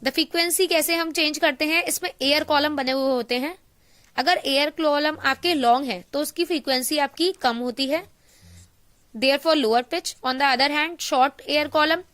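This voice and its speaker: A woman with a high-pitched, bright voice teaches an online class. She keeps asking her students a question and then answering it herself. Definitions come out slow and deliberate. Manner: explains in Hindi mixed with English terms, reads English definitions slowly.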